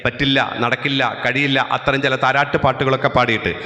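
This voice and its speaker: A man's voice: mid-range voice, steady tone, a little fast, bright, forceful tone. A man with a Malayali accent giving a rousing motivational talk to students in a large hall, often asking the crowd questions. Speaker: motivational speaker. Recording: echoey hall with long reverb.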